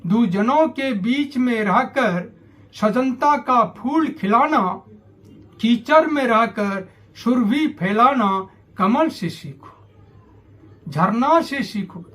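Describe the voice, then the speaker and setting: Man, poetry recitation, very slow, high-pitched, measured, repeats lines. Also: expressive, fairly bright tone. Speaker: poet.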